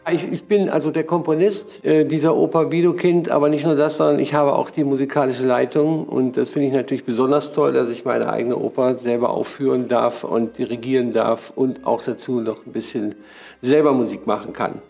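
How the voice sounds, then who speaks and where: A man's voice: mid-range voice, fairly even intonation, a little fast, vocal fry, a little mellow, soft background music. A man, the composer and conductor, cheerfully talking about his opera. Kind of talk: interview statement.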